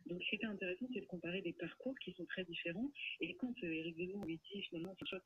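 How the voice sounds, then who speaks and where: A woman's voice: lowish voice, slightly rough, lo-fi sound. A woman political commentator arguing her point on radio, with many hesitations. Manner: fast, argumentative, frequent hesitations.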